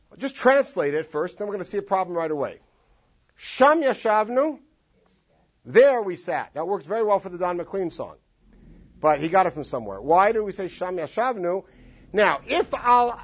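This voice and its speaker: A man teaching a classroom text study, drawing out phrases in long sung tones. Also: high-pitched. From Los Angeles. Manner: animated, sings out phrases in long drawn tones. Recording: dull lo-fi classroom recording.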